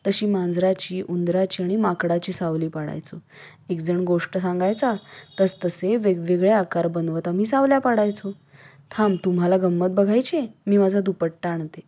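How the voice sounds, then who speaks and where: A woman's voice: lowish voice, steady tone, normal speed, dark tone, close to an everyday voice. A woman voicing a cheerful middle-aged mother in a storybook reading, talking in a nostalgic, coaxing way. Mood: playful. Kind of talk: storybook narration.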